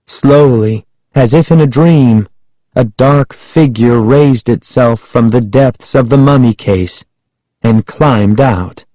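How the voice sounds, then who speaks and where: A man reading a children's horror book aloud in the first person, slow and suspenseful with dramatic emphasis. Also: medium pitch, warm tone, dry recording. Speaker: audiobook reader.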